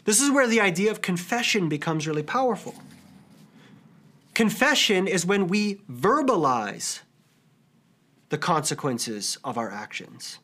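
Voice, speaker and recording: A man's voice: high voice, very animated, measured pace, pauses often, bright, forceful tone. A pastor in his thirties preaching a sermon, earnest and conversational, telling stories with casual fillers.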